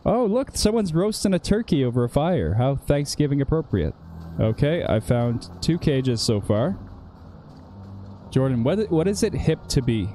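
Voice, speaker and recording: A man playing a video game and bantering casually, joking and laughing often, reacting loudly to the game. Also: on the high side, sing-song, moderate pace, a little hiss or hum. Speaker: gaming streamer. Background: game music.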